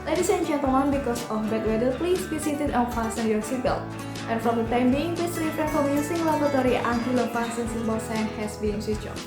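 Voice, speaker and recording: A woman's voice: high-pitched, moderate pace, lightly acted. A woman playing a flight attendant, reading formal, scripted cabin announcements. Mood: formal, polite. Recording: roomy echo, music behind.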